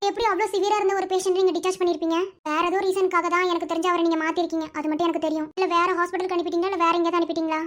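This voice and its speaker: Cartoon young girl voiced by a performer, earnest, high and quick, pleading through tears. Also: level tone, a bit bright. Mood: tearful. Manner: pleading, emotional, tearful. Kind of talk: animated cartoon voice acting.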